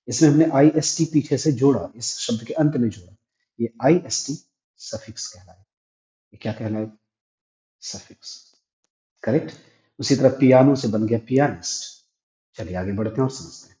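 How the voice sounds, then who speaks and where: Teacher with a dark, echoey voice. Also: male voice, mid-range voice, animated, normal speed, pauses often. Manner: explains step by step, asks and answers his own questions. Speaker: English grammar teacher. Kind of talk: classroom-style grammar lesson. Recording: echoey room, dull lo-fi sound.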